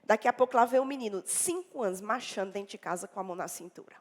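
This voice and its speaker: A woman's voice: mid-range voice, quick pace. Dramatic woman preacher in an echoey hall. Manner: dramatic storytelling, swings between loud and hushed. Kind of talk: sermon. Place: church.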